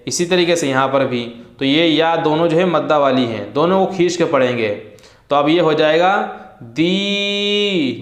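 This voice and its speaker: A man teaching Quran reading, spelling out letters syllable by syllable in a slow, drawn-out chant and then explaining the rules in quicker plain talk. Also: on the high side, echoey room. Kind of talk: slow syllable-by-syllable recitation lesson.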